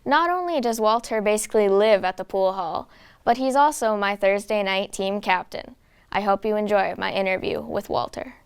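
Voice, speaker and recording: A woman's voice: mid-range voice, moderate pace, slight background noise. A woman presenting a segment, giving an upbeat, personal scripted introduction to her interview.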